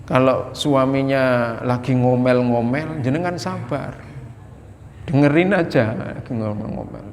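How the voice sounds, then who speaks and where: A man preaching a folksy, animated sermon in a mosque, speaking directly to the congregation. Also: mid-range voice, unhurried. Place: mosque hall. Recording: long echo of a mosque hall.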